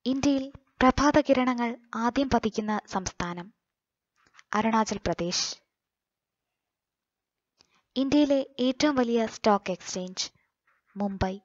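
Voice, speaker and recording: For exam coaching, a Malayali woman slowly works through quiz questions and their answers, her voice a touch high and her pace steady. The audio is dry and slightly muffled, with no room sound at all.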